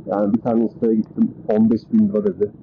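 A motovlogger with a fairly low, flat voice talks quickly, chatting casually and muttering to himself while riding his motorcycle through town. He records on AirPods earbuds under his helmet, so the sound is muffled and heavy with engine and traffic noise.

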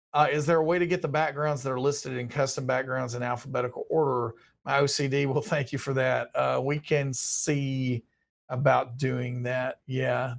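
In a small, dimly lit room, a man in his thirties hosts a casual live stream of viewer questions. His medium-pitched voice is partly gone and full of vocal fry, and he reads each question aloud before answering in a loose, rambling, offhand way.

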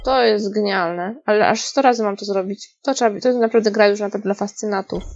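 A woman's voice: mid-range voice, brisk, darkish tone, dry recording, dull audio. A woman casually commenting while playing a game, talking to herself and swearing and yelping when scared. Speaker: gaming streamer. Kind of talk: casual let's-play commentary.

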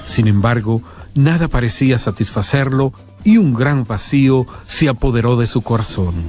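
A man doing measured, dramatic scripted narration for a documentary. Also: medium pitch, a little mellow, faint music behind.

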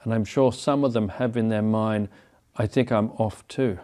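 An older man, a bishop, giving a homily at a chapel lectern in a reflective, measured way with pauses. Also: on the low side, fairly even intonation, dark tone. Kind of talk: sermon. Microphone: gooseneck lectern microphone.

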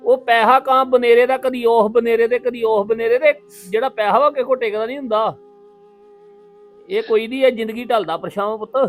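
A man playing a kindly father who reassures his upset daughter with calm words and folksy sayings. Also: very high voice, a little fast, soft background music. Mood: soothing. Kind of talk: family web drama acting.

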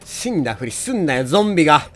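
A young man with a Kansai accent commenting on his gameplay, who gets excited and yells and taunts at enemies. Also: fairly high pitch, fast, soft background music. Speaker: let's play commentator.

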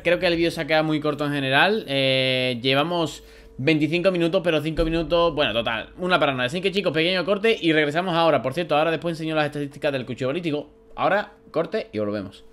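A young man with a Spain Spanish accent doing live gameplay commentary, excitable and grumbling, swearing when frustrated. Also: on the high side, fast. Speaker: gaming YouTuber.

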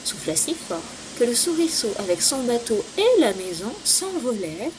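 A woman reading a picture book aloud to small children, slow and playful, dropping to a whisper at times. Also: fairly high pitch, very animated, a little mellow, slight background noise. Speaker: children's storyteller.

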